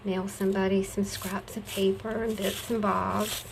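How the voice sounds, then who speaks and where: Woman, craft vlogger, folksy, affectionate, slow-spoken, faint background hum. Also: mid-range voice, flat delivery, gravelly. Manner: chatty, talks to herself while working. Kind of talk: casual crafting chat.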